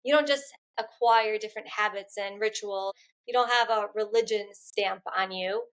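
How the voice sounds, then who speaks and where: Relaxed, joking woman podcast guest. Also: medium pitch, moderate pace, poor audio. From Poland. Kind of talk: casual interview chat.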